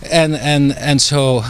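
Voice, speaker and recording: Guesting on an interview, a middle-aged Dutch doctor who also writes speaks in a slightly high voice. He hesitates often, restarting sentences and leaning on fillers, and a little hiss or hum sits under the recording.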